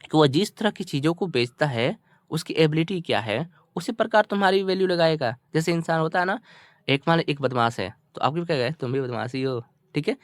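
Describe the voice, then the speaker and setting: Speaking a little fast in a voice on the high side, a man with an Indian accent teaches English through a story. He translates each line, repeats phrases, and asks checking questions, all on a dry recording.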